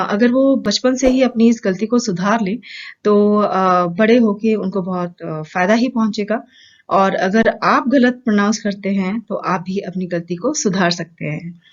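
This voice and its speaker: A woman with an Indian accent teaching correct English pronunciation in a casual lesson, explaining patiently with many pauses and repeated examples. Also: medium pitch, a little mellow, dull audio.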